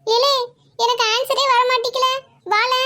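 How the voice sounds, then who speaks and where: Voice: very high voice, little pitch movement, unhurried, bright, forceful tone, heavily acted. A performer voicing a jealous teenage schoolboy who grumbles at his friend. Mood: grumbling.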